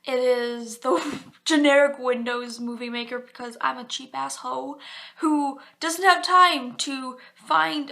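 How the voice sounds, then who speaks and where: A woman with a slightly high voice rambles through her cosplay build with loose, casual chatter. She mocks herself often and swears offhandedly, like a friend filling in a video. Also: gravelly, bright, forceful tone. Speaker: cosplay vlogger. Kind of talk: casual chat and voiceover tutorial.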